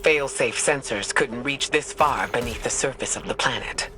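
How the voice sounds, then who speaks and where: Guy doing a serious mentor type, slow and solemn, game cutscene, soft music behind. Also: medium pitch, natural voice. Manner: measured, solemn. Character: grave male mentor figure, measured and serious.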